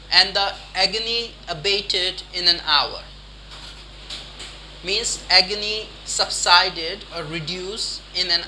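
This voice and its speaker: A man with a fairly high voice leads a vocabulary lesson at an unhurried pace. He says each word several times and checks that the listener follows. A faint hum of room ambience sits behind him. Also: sharp tone. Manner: slow, repeats words deliberately, quizzes the listener. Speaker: English vocabulary teacher.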